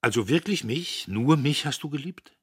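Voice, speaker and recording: A man's voice: mid-range voice, expressive, normal speed, breathy edge, no echo, studio quality, pitched above the performer's own voice. A man reading aloud, voicing a pompous, cowardly young man who speaks in a raised, insistent, self-satisfied way. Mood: self-important.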